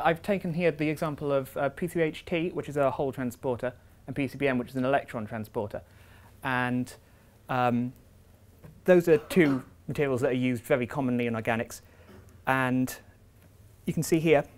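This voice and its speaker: A young man giving an academic seminar in a lecture room, explaining step by step with frequent ums and uhs. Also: medium pitch. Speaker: visiting researcher giving a seminar.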